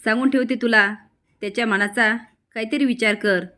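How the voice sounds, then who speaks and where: A woman's voice: on the high side, fairly even intonation, normal speed, sharp tone. A stern old grandmother, short of breath yet commanding as she lays down the law, played by a woman reading her lines. It is a storybook-style recap of a serial.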